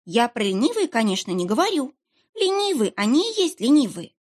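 A woman's voice: sits high, sing-song, fairly quick, pitched above the performer's own voice. A woman voicing a young woman who plays dumb in a pitiful, trembling voice and rambles on nervously. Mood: pitiful chatter. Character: young woman playing a whiny simpleton.

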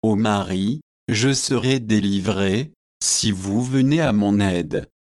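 A man's voice: on the low side, slow, a little mellow, no echo, clean studio sound. A man reading out the earnest, pleading words of a dying monk in a devotional book.

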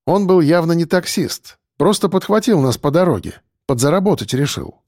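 A man reading an audiobook aloud as its first-person narrator, with an expressive storytelling delivery. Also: fairly high pitch, moderate pace, no room sound, studio quality.

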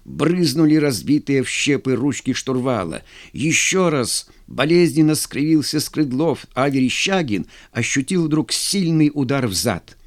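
A man's voice: medium pitch, expressive, measured pace, hardly any pauses, no room sound, studio quality. Dramatic male audiobook narrator. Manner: dramatic storytelling.

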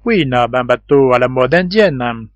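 A hearty, self-assured male sailor from a storybook, boasting and pressing his case, voiced by a man reading aloud. The voice sits at an ordinary male pitch. It comes through dry and slightly muffled. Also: lively intonation, a little slow, dry recording, lightly acted. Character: bold hearty male sailor, sure of himself.

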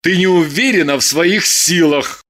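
A woman voicing a calm, mocking man. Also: low voice, unhurried, voice pushed down, exaggerated voice. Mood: coolly mocking. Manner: calm, firm, dryly mocking. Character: calm mocking man, firm and teasing lover. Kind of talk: audiobook character voice.

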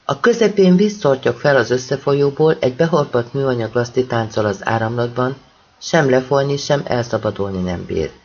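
A man's voice: mid-range voice, animated, darkish tone, lo-fi sound, a little hiss or hum. A man reading a first-person audiobook with urgent, intense storytelling. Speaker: audiobook reader.

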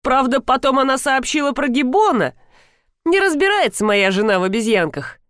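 A woman voicing a calm grown husband. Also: high voice, moderate pace, no echo, studio quality, voice pushed up. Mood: amused. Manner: calm, then laughing. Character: amused, calm husband, adult man.

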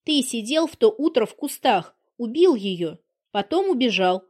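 A sharp-tongued jilted woman, read by a female narrator, scornful and accusing, in a voice pitched a little high. Her words come out clipped and cutting, with no softness to them. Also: sing-song, normal speed. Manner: biting, scornful.

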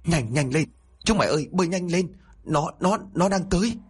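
A man's voice: mid-range voice, animated, brisk, breathy edge. A man voicing an anxious young village woman in a storybook reading, talking urgently and pleadingly. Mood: panicked.

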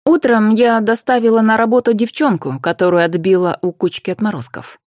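A bold, sharp-tongued young witch on the case, as a woman reads her, a little higher and louder than the narration around her. She talks in brisk commands and quick comebacks, mellow in tone and dry in sound. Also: expressive, dry recording, close to an everyday voice. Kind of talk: audiobook character voice.

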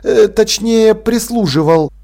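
An awkward, kindly young prince at school who talks hesitantly, with a touch of gruffness, as a man puts him on. The voice is raised above the reader's own. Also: high-pitched, takes it slowly, dark tone, voice pushed up.

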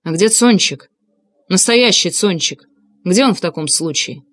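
A woman reading an audiobook, voicing a blustering middle-aged man who tries to sound menacing and gruff. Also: fairly low pitch, expressive, measured pace, fairly bright tone, no echo, studio quality. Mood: sullen.

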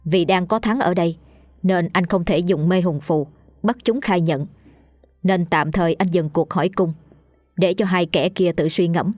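A woman telling a ghost story in steady, dramatic narration. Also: lowish voice, moderate pace, no room sound, studio quality, soft background music.

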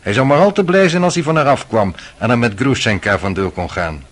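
An actor in a radio drama plays a cynical, worldly young man who is sly and needling, with a sardonic, mocking, insinuating manner. His medium-pitched voice is close to an everyday one, with lively intonation and a fairly quick pace.

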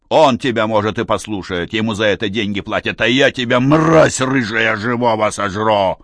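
A male narrator voicing a contemptuous male crime boss who shouts insults and threats in an audiobook. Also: fairly low pitch, dry recording, studio quality. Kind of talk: audiobook character voice.

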